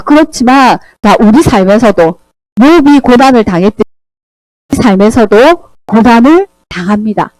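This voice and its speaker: 아이들에게 생생하게 말하는 여성 교사. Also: female voice, fairly high pitch, dry recording, poor audio. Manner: animated, asks the children questions. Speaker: Sunday school teacher. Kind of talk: children's Bible lesson. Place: church classroom.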